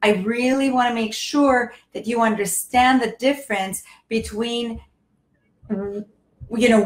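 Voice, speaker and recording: A woman's voice: a little high, echoey room, rough recording. A woman with laryngitis hosting a live dating-advice stream, chatty and full of fillers and restarts. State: hoarse from laryngitis. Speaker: dating coach and show host. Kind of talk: live-stream talk to viewers.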